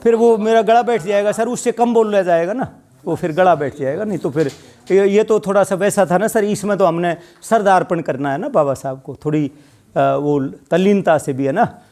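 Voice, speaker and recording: At a Buddhist temple gathering, a retiring speaker from Haryana, India, about sixty years old, gives a fiery public speech that scolds his audience with rhetorical questions. His voice is high-pitched with a darkish tone, at a normal speed.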